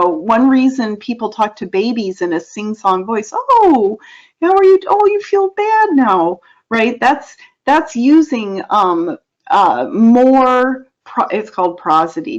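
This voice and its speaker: A woman psychologist explaining parenting techniques in a relaxed, conversational way, with frequent fillers and asides. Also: mid-range voice, lo-fi sound. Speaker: child psychologist. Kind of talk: parenting advice talk.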